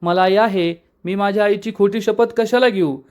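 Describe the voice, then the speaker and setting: A sly, shameless young woman who plays innocent and bristles with indignation when accused, as a male narrator puts her on. Her voice is lifted above the narrator's own, with sharp, pointed retorts. She is part of a retelling of a soap-opera scene. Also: high-pitched, fairly even intonation, moderate pace, clean tone, voice pushed up, lightly acted. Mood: angry.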